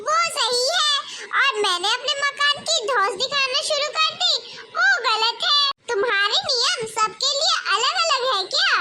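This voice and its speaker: Preachy cartoon saas, super high squeaky voice, lectures everyone. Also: female voice. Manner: taunting, lecturing. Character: boastful scolding older mother-in-law. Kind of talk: cartoon voice acting. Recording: loud background noise.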